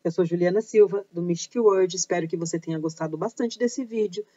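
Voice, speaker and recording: A woman's voice: lowish voice, fairly quick, mellow, dry recording, muffled recording. A woman with a Brazilian accent hosting an informal explanatory video, chatty, stopping to explain and correct herself. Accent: Brazilian Portuguese. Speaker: host of a pagan culture channel.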